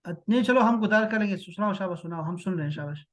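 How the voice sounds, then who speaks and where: A man teaching an Arabic reading class in Urdu, reading slowly and translating line by line, with frequent encouraging praise. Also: high voice.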